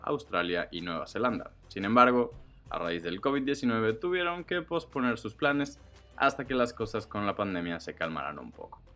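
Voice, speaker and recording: A Mexican man presents scripted podcast news in a very animated voice, with music underneath. He hits phrase openings with emphasis and lets the endings fall, keeping the wording casual. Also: mid-range voice.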